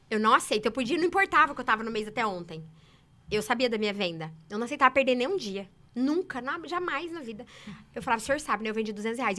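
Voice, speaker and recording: Woman, from Brazil, quick talker, bright tone, emphatic storytelling. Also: fairly high pitch. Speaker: saleswoman guest. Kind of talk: casual interview storytelling.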